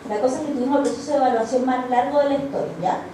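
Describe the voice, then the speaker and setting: A Chilean woman giving a personal testimony at church, telling her story in a lively way and acting out the dialogue. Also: sits high, very fast, slight background noise. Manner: animated storytelling, acts out quoted dialogue. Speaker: church speaker. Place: church hall. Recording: very echoey hall, voice far from the mic.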